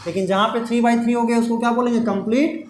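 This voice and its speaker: Here a middle-aged man with a very high-pitched voice and a steady tone teaches math at a fast clip. He throws questions to the class, then answers them himself in a call-and-response pattern. Faint hiss and classroom echo color the recording.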